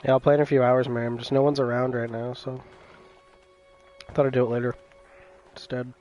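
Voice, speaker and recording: A man's voice: mid-range voice, little pitch movement, fairly quick, a little mellow, dull audio, soft background music. A man giving casual live gameplay commentary as a streamer, chatting to his viewers. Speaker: game streamer.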